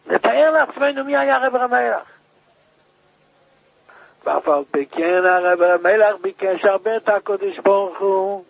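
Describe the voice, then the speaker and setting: A man preaching by telling a story with emotion, rising now and then to loud, high cries. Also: gravelly, pauses often, husky, no echo, narrow, tinny audio. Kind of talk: storytelling sermon.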